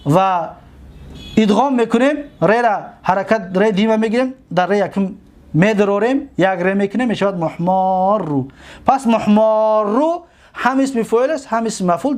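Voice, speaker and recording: Tajik-accented male teacher, high-pitched voice, drills his class with repeated terms and quick questions. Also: a little mellow. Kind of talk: classroom lecture.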